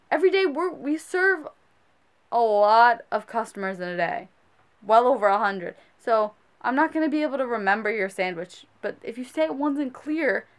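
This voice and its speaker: A high-pitched woman delivers a casual, exasperated rant about how people behave. She scolds emphatically, like a fed-up food service worker addressing viewers directly. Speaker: sandwich shop worker.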